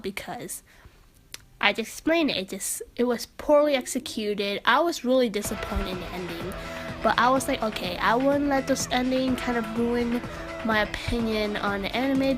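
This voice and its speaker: A woman's voice: fairly high pitch, fairly bright tone. A woman with a stuffy cold reviewing an anime in a blunt, casual rant full of "like" and the odd swear word. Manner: chatty, blunt, swearing, lots of "like". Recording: music playing behind.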